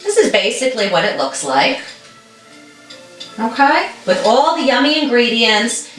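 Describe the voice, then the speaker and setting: A woman's voice: a little high, very animated, unhurried, fairly bright tone, echoey room, far from the mic, faint music behind. A woman co-hosting a show, chatting casually and encouragingly as she demonstrates a recipe in a home kitchen, often checking in with "okay?". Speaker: co-host.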